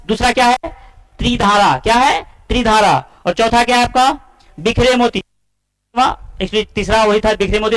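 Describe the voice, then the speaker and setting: A man's voice: very high-pitched, fairly bright tone, clear, resonant tone, rough recording. A man teaching a class lesson, asking students questions and then answering them himself. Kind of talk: classroom-style lesson explanation.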